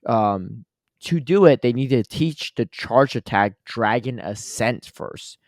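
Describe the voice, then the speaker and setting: A man's voice: medium pitch, expressive, slow pace, a little mellow, dry recording, clean studio sound. A man co-hosting a podcast in casual chat, upbeat and talkative, giving long explanations. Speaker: podcast co-host.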